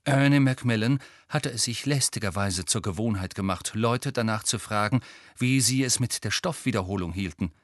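A man reading a novel aloud as an audiobook narrator in a measured storytelling manner. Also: fairly low pitch, no echo, studio quality. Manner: measured storytelling with character voices. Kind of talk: scripted narration.

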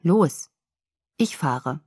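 Read by a woman, a worried young man speaks haltingly and with care in this audiobook scene. His voice is low-key and anxious. It sits in a dry, close recording with no room sound. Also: animated, a little mellow, breathy edge, dry recording, heavily acted. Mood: concerned. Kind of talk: audiobook character voice.

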